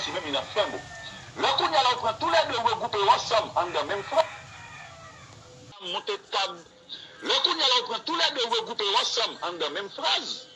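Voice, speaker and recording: A man's voice: sits high, noisy background. A man with a Haitian accent teaching rap wordplay on a live stream, explaining with examples and dropping fillers like "yo".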